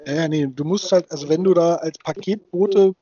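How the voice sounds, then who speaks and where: A podcast co-host in his thirties rambles through a casual chat, full of fillers and restarts. His voice is a little high and warm, at a moderate pace, and the recording sounds dull and dry.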